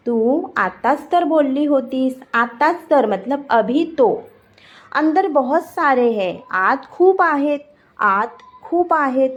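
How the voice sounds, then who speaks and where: A woman teaching a language lesson, repeating each short phrase twice in a clear, deliberate way. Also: high-pitched.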